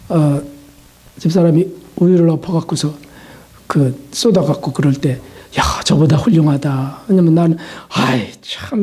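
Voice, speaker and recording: An older man preaching a sermon as a pastor, earnest, asking his listeners questions and slipping into soft prayers. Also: high-pitched, slightly rough.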